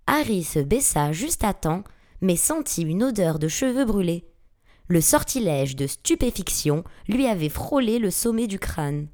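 A woman narrating a fantasy audiobook with dramatic, expressive storytelling. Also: mid-range voice, measured pace. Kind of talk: audiobook reading.

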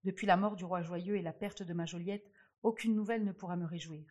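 A woman voicing a gentle queen and mother, grieving and tender, with a breathy voice. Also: on the low side, fairly even intonation, a little fast, muffled recording, lightly acted. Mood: sorrowful.

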